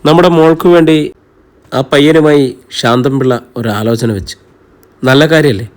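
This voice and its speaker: A man's voice: medium pitch, moderate pace, close to an everyday voice. Man as a grave middle-aged husband, matter-of-fact, storybook reading. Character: serious middle-aged male lawyer, husband and father. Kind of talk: audiobook character reading.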